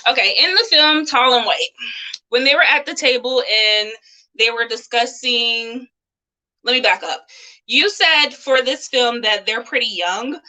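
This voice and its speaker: A woman's voice: medium pitch, sharp tone, low-quality recording. A woman interviewing in a casual live chat over a video call, talking in a rambling way with lots of "like".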